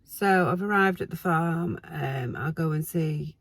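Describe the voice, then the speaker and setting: A middle-aged British woman with a croaky voice, chatting casually to viewers as a horse-owning vlogger. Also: deep voice, unhurried. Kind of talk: casual vlog chat. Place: in a car, then a stable yard. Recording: handheld vlog with background noise.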